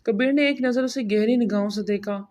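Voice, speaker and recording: A woman's voice: a little high, a little mellow. A woman narrating a romance novel as an audiobook reading.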